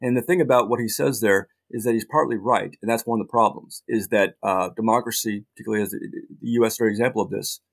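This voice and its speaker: A middle-aged man, a journalist guest in a casual interview, talking in halting bursts with many restarts and dry asides. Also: on the low side, fairly even intonation, creaky.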